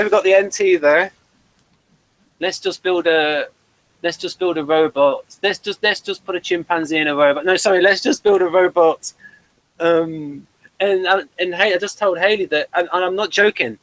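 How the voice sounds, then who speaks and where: A man with a fairly high, fairly bright voice hosts a casual chat reviewing a TV series. He's chatty and digressive, explaining at length with dry humour and chuckling between points. The recording is dry and the audio poor.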